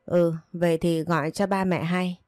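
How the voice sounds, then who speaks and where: A woman voicing a gentle middle-aged father who speaks slowly and patiently in a low, mellow voice. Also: level tone, no echo, close to an everyday voice.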